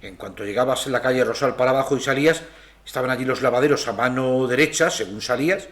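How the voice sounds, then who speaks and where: An older man from Spain sits as a guest in a casual interview and reminisces at a slow pace, pausing often on fillers and restarting his sentences. His voice sits in an ordinary middle pitch and trails softly at the ends of his phrases. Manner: rambling, hesitant storytelling.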